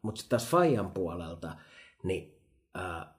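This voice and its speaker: Podcast co-host: man, animated storyteller, lower voice, roomy sound. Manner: animated storyteller, laughs often, many fillers. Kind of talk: casual chat.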